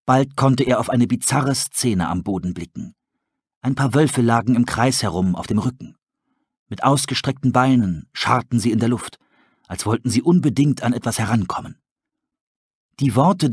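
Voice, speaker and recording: Male audiobook narrator, husky tone, dry close sound. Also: mid-range voice, dry recording. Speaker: audiobook reader. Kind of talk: storybook narration.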